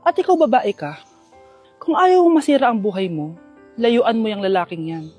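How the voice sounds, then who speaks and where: A woman's voice: on the high side, expressive, moderate pace, dark tone, faint music behind. A woman playing a boastful young woman who married into money and talks down to others. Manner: boastful, scornful.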